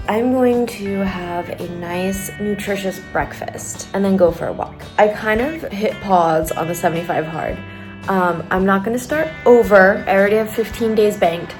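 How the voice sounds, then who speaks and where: A woman's voice: medium pitch, normal speed, music in the background. A woman chatting casually about her day in a vlog, informal and self-deprecating. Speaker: vlogger, freelance musician.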